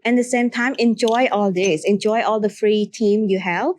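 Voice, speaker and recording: A woman's voice: mid-range voice, steady tone, normal speed, a little mellow, no room sound. A young woman from Cambodia, a makeup artist answering an interview question and giving earnest, encouraging advice in with frequent restarts. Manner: earnest, encouraging, with restarts and broken English phrasing.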